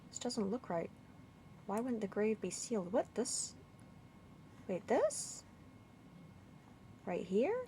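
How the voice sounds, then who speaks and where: A woman giving casual gameplay commentary, thinking aloud and puzzling over where to go. Her voice sits at mid pitch with a gravelly fry. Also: big pitch swings, takes it slowly, pauses often, dark tone, a little hiss or hum. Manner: muttering, thinking aloud, confused questions. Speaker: gamer playing through a walkthrough.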